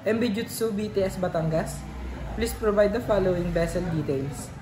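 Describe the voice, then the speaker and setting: A woman's voice: medium pitch, moderate pace. A woman acting as a port radio operator, giving formal marine radio instructions in short set phrases. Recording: echoey room with background noise.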